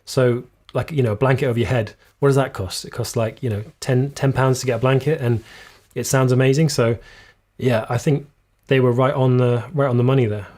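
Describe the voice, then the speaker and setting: A man hosting a live videography Q&A stream, explaining gear casually, slightly losing his voice, recorded on a boom shotgun mic in a small room. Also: steady tone, a little fast, a little mellow. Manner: casual, explanatory, reads viewer comments aloud. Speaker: videography channel host. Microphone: shotgun boom mic just out of shot.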